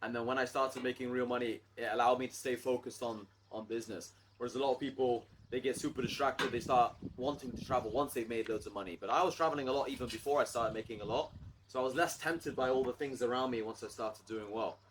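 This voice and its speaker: A man's voice: medium pitch, fairly even intonation, fast, a little hiss or hum. A man speaking as a guest on a podcast, fluent and confident as he tells stories. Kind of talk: casual chat.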